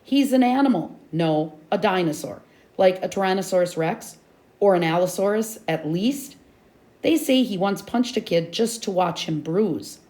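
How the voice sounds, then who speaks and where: A woman's voice: mid-range voice, animated, normal speed, dark tone, close to an everyday voice. A woman voicing a nervous fifth-grade boy in a read-aloud storybook, talking in an anxious, exaggerated way.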